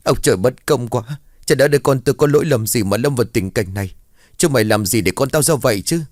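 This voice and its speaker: A man voicing an older village woman who loses her son, wailing and shouting in grief and fury. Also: fast talker, no echo, studio quality, natural voice. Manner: wailing, shrill outbursts. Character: grieving mother, older village woman, furious.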